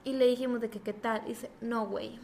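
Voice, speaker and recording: Animated high-voiced Mexican woman. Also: brisk, vocal fry. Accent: Mexican Spanish. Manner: animated, acts out quotes with laughter. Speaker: podcast co-host. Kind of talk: casual chat, storytelling.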